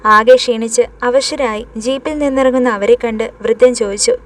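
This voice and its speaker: A woman storyteller narrating a horror tale at an even read-aloud pace. Her voice sits somewhat high. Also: normal speed, low-quality recording.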